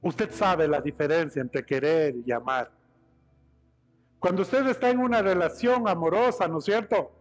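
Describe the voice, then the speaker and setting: A man's voice: high-pitched, moderate pace, dull audio. A man preaching a Sunday sermon in a church, in a conversational style, often asking the congregation for agreement. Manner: retells scripture by acting out dialogue. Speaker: pastor. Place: church service.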